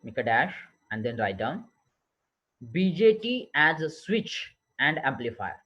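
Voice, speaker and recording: A man, an engineering lecturer who slowly dictates notes and repeats terms for his class. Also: mid-range voice, sing-song, pushed and bright, dull audio. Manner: slow, repetitive dictation, switching between English and Marathi.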